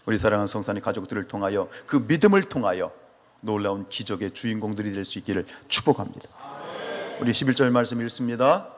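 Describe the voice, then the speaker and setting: In a church sanctuary with a big-room sound and a slight hiss or hum, a man from Chungcheong delivers a sermon at a quick pace in a lowish voice. Speaking with a Chungcheong Korean accent, he animatedly asks the congregation questions, then supplies the answers.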